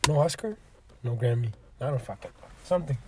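A man's voice: mid-range voice, animated, quick pace, slight background noise. A man co-hosting a casual podcast, bossy and profane, urging his friends on. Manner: bossy, loud, swears freely. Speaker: podcast co-host. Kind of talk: casual chat.

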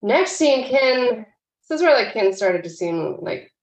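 A woman's voice: on the high side, a little slow, echoey room, lo-fi sound. A woman co-hosting a podcast, recapping a TV episode in casual, chatty talk. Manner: chatty, animated recapping with frequent laughs. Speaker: podcast co-host.

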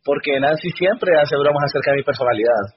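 Husky man telling business anecdotes. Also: fairly high pitch, brisk. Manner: anecdotal, storytelling. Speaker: speaker at a business event. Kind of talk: motivational speech with anecdotes. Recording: dull lo-fi recording.

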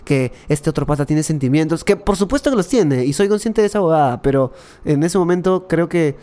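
A young man with a Peruvian accent, telling a personal story in an animated, slangy way, full of fillers, in a casual chat. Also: a little high, a little fast. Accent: Peruvian Spanish.

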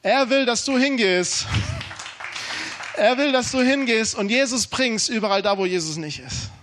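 A man in his thirties preaching a sermon, emphatic and informal, swinging between urgent and hushed delivery. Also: very high-pitched, moderate pace, slight background noise.

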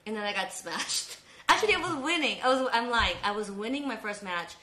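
A woman's voice: on the high side, lively intonation, brisk, sharp tone. A woman in her thirties chatting as a podcast guest, with frequent ums and self-corrections. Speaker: interview guest. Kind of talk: casual conversation. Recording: roomy echo.

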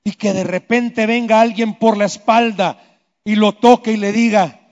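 Preacher guy, high voice, impassioned, swings loud then hushed, dull lo-fi recording. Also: steady tone, moderate pace. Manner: impassioned, swings from loud emphatic lines to hushed low ones. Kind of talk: sermon. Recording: echoey hall, dull lo-fi sound.

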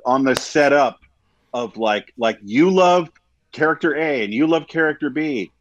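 A man's voice: on the high side, animated, unhurried. Emphatic man on a dull podcast mic. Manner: emphatic, stammering restarts and fillers. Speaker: podcast co-host. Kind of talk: casual film review chat.

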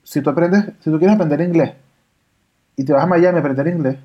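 Fast-talking woman podcaster. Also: low voice. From Venezuela. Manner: animated, opinionated storytelling. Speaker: podcast co-host, audio engineer. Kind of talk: casual podcast chat. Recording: dull lo-fi audio.

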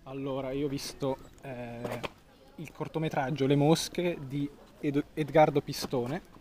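A man's voice: mid-range voice, steady tone, unhurried, warm tone, slight background noise. Hesitant man describing a film. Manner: hesitant, many fillers and restarts, searching for words. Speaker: film podcast co-host. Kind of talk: casual film review chat.

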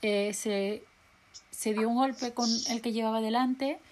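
A young woman, co-hosting a podcast in casual, excitable chat and laughing often. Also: fairly high pitch, a little slow. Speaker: podcast co-host.

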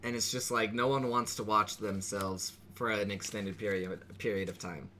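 A man hosting a podcast, chatting in a relaxed, rambling way and laughing along. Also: lowish voice, normal speed, slight background noise. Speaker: podcast host. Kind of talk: casual podcast chat.

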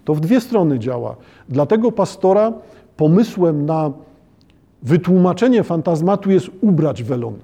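A man giving an academic lecture on literature, talking haltingly with many hesitations and checking that his listeners follow. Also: on the high side, expressive, warm tone. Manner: halting, with frequent "e" hesitations and restarts; addresses listeners formally and checks understanding.

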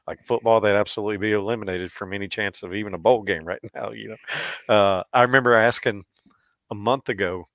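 Low-pitched Missouri man, relaxed sports podcast co-host, chuckles a lot, dry close mic. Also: a little fast, no room sound. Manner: chatty, laughs often, restarts. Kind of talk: casual sports chat.

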